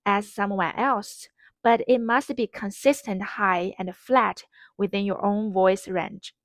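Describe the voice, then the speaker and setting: A woman teaching a pronunciation lesson, explaining patiently and modeling each sound clearly. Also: mid-range voice, no room sound, clean studio sound. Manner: slow, patient, clearly enunciated instruction with modeled drills. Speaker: Mandarin teacher.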